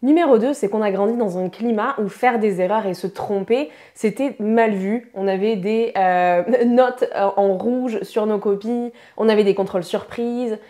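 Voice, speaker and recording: A young woman from France, a pronunciation teacher, giving a chatty, upbeat online lesson and drilling words slowly. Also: medium pitch, warm tone.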